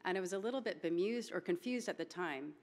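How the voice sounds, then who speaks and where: A woman moderates a panel from a conference stage. Her voice sits on the low side, and she speaks in an informal way, dropping in words. Her voice carries the long reverb of a large hall. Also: lively intonation, fast. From Hawaii. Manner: informal, mixes in Hawaiian words.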